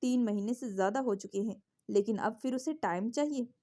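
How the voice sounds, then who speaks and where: A woman's voice: a little high, normal speed, dark tone, close to an everyday voice. A woman voicing a bossy, scheming middle-aged mother who scolds her daughter. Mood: scolding.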